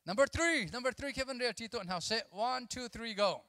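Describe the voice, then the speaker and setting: A man in his thirties preaches to young people on a large church stage. His voice sits very high and sounds bright and sharp. He talks close into a handheld mic, and a long hall reverb trails behind his words. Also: brisk. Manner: animated, mixes English with his own language, drills the crowd with call-and-response. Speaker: youth conference speaker. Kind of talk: energetic sermon to a youth audience.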